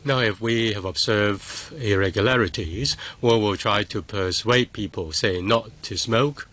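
Male interpreter voice-over, slow, low, hesitant with fillers. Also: a bit bright. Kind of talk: interpreter voice-over translating an official.

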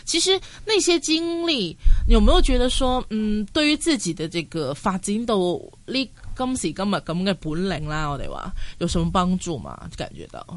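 A woman's voice: medium pitch, sing-song, moderate pace, few pauses. A woman, hosting a casual interview and introducing her guest. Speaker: interview host.

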